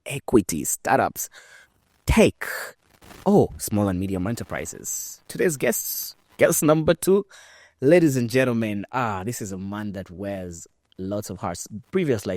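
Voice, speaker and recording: A man from Rwanda hosts a podcast and leads the interview with emphatic, animated phrasing, often stopping on fillers. His voice sits very low, and it sounds dry and close to the mic. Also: no echo. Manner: lively, emphatic, with frequent fillers. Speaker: podcast host. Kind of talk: conversational interview.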